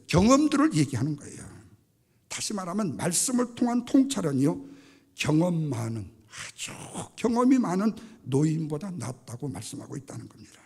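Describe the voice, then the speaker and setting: A man's voice: high voice, darkish tone, husky. A man preaching a Sunday sermon in a church, dramatic and acting out quotes in different voices. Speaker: pastor. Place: church sanctuary.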